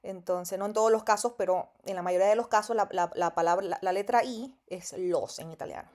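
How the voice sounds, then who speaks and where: A woman teaching Italian grammar to beginners, patient and drawn-out, with many filler sounds. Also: mid-range voice, a little mellow.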